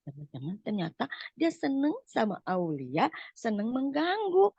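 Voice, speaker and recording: A woman telling a story to children, talking straight to them in an animated way. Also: on the high side, measured pace, creaky, slightly rough, no echo, highs cut off. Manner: animated, addresses the children directly.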